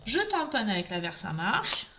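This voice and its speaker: A woman's voice: mid-range voice, sing-song, normal speed, heavy background noise. A woman giving a live craft demonstration, talking through each step and greeting viewers as she works.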